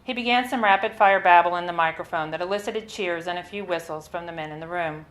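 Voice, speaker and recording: At a live literary event, a woman reads her own first-person story in a measured, expressive manner, stumbling slightly now and then. Her voice sits on the low side, and the audio quality is poor.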